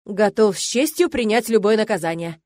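A man's voice: high-pitched, a little fast, no room sound, natural voice. Woman narrator playing a cocky young male mage, self-assured, dry close read. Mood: smug confident.

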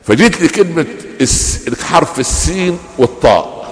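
An older man with an Egyptian Arabic accent giving a religious lecture, animated, questioning his audience and drawing out words. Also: a little high, big-room sound. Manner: animated, asks the audience questions and pauses for answers. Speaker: preacher.

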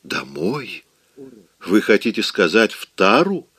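A man's voice: on the low side, very animated, slow, fairly bright tone, slightly rough, dry recording, studio quality, exaggerated voice. Rhett, a self-assured commanding man, read by a man. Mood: firm. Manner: firm, commanding. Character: self-assured man, blunt then tender. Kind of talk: audiobook reading.

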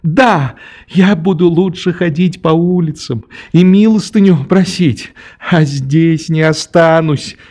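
A man doing a shrill, furious little girl. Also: expressive, takes it slowly, warm tone. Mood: hysterical. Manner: shrill, defiant, sobbing outbursts. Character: fierce, tearful little orphan girl.

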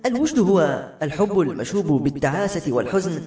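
A man voicing a sorrowful female talking mare who speaks softly and tearfully. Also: a little high, sing-song, fairly quick. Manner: soft, tearful, pleading. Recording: roomy echo.

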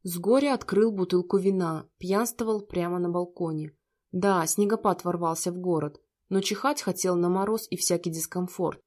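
A woman's voice: lowish voice, moderate pace, a little mellow. Woman reading a story aloud. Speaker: narrator. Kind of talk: storybook narration.

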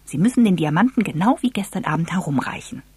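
A reader voicing Eve, an excitable and impulsive young woman, with an eager, affected manner. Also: fast talker, slightly rough, no echo. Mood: excited. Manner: eager, wheedling, high and affected.

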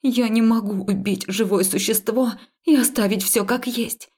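A woman's voice: on the high side, steady tone, moderate pace, a little mellow, husky, pitched above the performer's own voice. A woman voicing a desperate pleading young heroine. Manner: pleading, urgent, emotional. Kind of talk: audiobook character voice.

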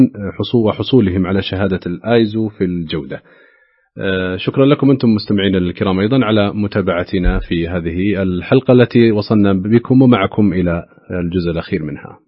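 Brisk radio host, husky. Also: male voice, sits low, no room sound. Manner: brisk, polite, asks follow-up questions. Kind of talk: radio interview and discussion. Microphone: studio microphone. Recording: slightly dull dry radio studio sound.

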